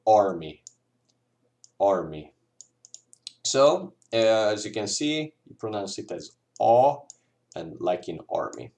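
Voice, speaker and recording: In a relaxed language lesson, a Hungarian-accented tutor whose first language is Hungarian explains things tentatively and goes over examples again and again. His voice sits on the low side and is slightly mellow.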